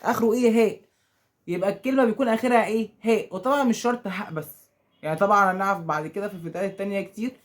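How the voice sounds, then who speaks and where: A man's voice: sits high, racing. A man with an Egyptian Arabic accent teaching grammar to school pupils. He keeps asking questions, answers them himself, and acts out the pupils' objections.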